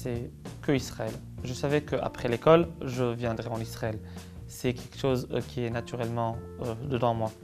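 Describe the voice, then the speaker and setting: Brief: man in his twenties, mid-pitched, plain halting testimonial, guitar playing behind him. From Belgium. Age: 20s. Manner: simple, halting phrasing with fillers. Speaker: university student. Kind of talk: testimonial interview. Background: plucked guitar music.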